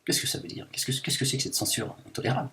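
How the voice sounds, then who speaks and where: A man races through a satirical rant in the character of a self-declared liberated woman, his natural voice pushed and bright. The tone is indignant and mock-outraged, the rambling full of fillers.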